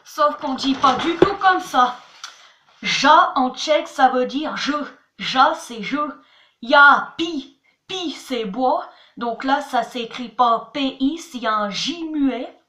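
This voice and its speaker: Her high voice is bright and forceful, with lively intonation and a slow pace. As a channel host teaching words in a homemade lesson, she chats away, spells each word letter by letter, and often says "voilà" and "attention," all in an echoey room.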